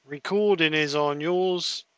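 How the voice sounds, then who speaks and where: A man's voice: on the high side, slow, a bit bright, smooth, no room sound. Man on a headset, choppy noise suppression. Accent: Norfolk. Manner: muttering, puzzled over the sound settings. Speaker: woodturning demonstrator. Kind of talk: live-streamed demonstration.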